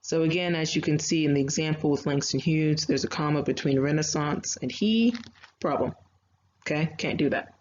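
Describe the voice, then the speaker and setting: A woman's voice: deep voice, darkish tone. A woman teacher giving an online writing lecture, explaining grammar step by step with chatty asides and fillers. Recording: slightly dull lo-fi audio, faint noise.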